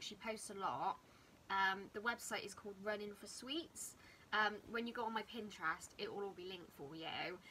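A young woman talks casually to the camera in a room at home. Her voice sits at an ordinary pitch and she speaks informally, like someone updating followers on a hobby. There is some noticeable noise in the recording. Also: sharp tone, low-quality recording. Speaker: running vlogger. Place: living room indoors.

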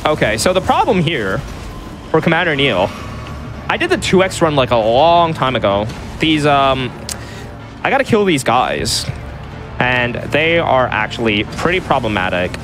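A man's voice: medium pitch, very animated, measured pace. A man playing a game live, commenting casually with joking, self-deprecating exaggeration. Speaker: gamer, speedrunner playing live. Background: game music and sound effects.

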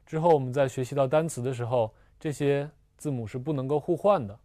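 A man teaching a language lesson, slowly explaining spelling and pronunciation with patient repetition and small fillers. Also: medium pitch, warm tone, no room sound, studio quality. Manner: slow and patient, repeats syllables twice, fillers like "啊" and "呃". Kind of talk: slow, deliberate classroom explanation.

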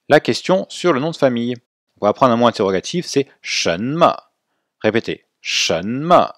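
A man with a fairly low voice leads a spoken language lesson, his pitch swinging widely as he explains. He slows down sharply to model words for the listener to repeat. The recording is dry and close. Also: no room sound. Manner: clear didactic explaining, slow drawn-out model pronunciations for repetition. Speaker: Chinese language teacher.

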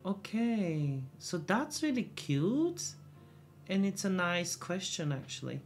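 A woman's voice: fairly low pitch, sing-song, slow, a little mellow, soft background music. A woman hosting a reaction video, thinking aloud in short bursts and repeating words as she watches. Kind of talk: casual reaction commentary.

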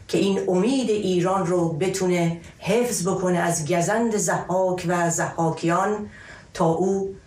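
Echoey, lowish-voiced woman explaining an epic. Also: darkish tone. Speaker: storyteller presenting and explaining an epic. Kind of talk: expository storytelling to camera. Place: small wood-panelled room at home, indoors. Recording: echoey room.

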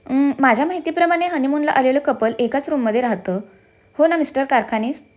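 A woman voicing a lively young bride who scolds and teases her husband in a told story. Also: fairly high pitch, normal speed, lightly acted. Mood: playful. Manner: playful scolding.

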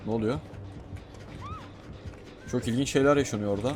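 Excitable man commentating his game. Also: mid-range voice, fairly quick, faint music behind. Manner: excitable, shouts and talks to himself while playing. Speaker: gaming streamer. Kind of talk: casual gameplay commentary.

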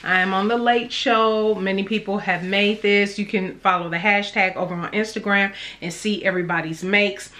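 A woman's voice: medium pitch, fairly even intonation, moderate pace, few pauses, bright, forceful tone. A middle-aged woman hosting a casual vlog, talking with a numb, swollen mouth from the dentist that slightly blurs her words. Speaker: sewing channel host. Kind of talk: casual chatty vlog to camera. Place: small indoor room at home.

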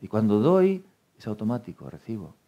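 A man giving a spiritual talk to an audience, telling lively stories, acting out quoted dialogue and laughing often. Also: on the low side, moderate pace, highs cut off. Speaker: speaker at a meditation talk.

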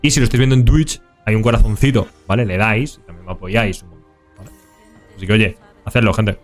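A man's voice: on the low side, fast talker, soft background music. A young man with a Spain Spanish accent, commenting casually on his gameplay and chatting with viewers in slang. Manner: casual and slangy, talks to chat. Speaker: streamer.

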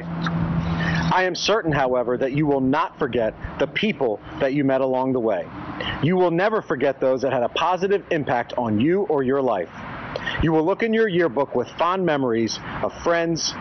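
Man giving a formal outdoor speech. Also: medium pitch. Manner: measured, formal address with deliberate pauses. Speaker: high school principal. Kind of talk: commencement speech. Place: outdoors in front of a brick building. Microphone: podium microphone. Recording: dull outdoor recording with traffic noise.

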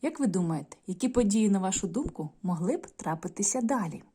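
With lively intonation and a mellow, medium-pitched voice, this woman is a primary school teacher in a video lesson. She reads a folk tale and talks to the kids in a steady, clear storyteller's manner.

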